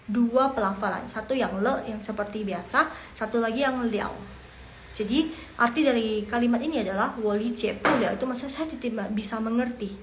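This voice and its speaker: A woman teaching beginner Mandarin in a casual, chatty way, repeating phrases slowly for learners. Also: fairly high pitch, roomy sound, a little hiss or hum. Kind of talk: casual language lesson.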